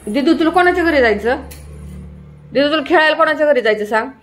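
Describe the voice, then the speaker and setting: A woman's voice: high voice, animated, quick pace, echoey room, noisy background. A young mother at home, talking to her small children in a sing-song, coaxing way and repeating her words. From Maharashtra, India. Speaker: mother and vlog host.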